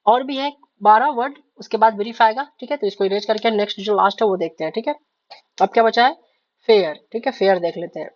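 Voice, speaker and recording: A woman teaching shorthand, speaking in an even, mid-range voice. She spells each word out letter by letter and keeps stopping to check that her students follow. The recording is a little dull and lo-fi. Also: mid-range voice, a little fast. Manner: repeats words, spells letters out, keeps asking "ठीक है?". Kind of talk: step-by-step lesson, writing on a board. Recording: slightly dull, lo-fi sound.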